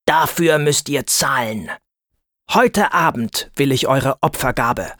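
A man's voice: mid-range voice, fairly bright tone, no echo, studio quality. A man putting on a roaring storybook dragon. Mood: menacing. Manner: roaring, slow and drawn out. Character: huge blustering male dragon, cowardly.

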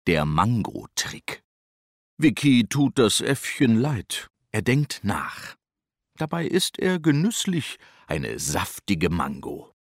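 A middle-aged man narrating a children's storybook in a lively, expressive, unhurried manner. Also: on the low side, dry recording, clean studio sound.

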